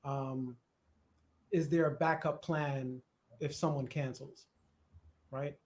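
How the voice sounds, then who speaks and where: A man with a Jamaican accent hosting a live church discussion, chatty and animated, laughing at times as he explains. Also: medium pitch, takes it slowly. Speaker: host. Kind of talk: casual discussion on church worship. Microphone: live stream.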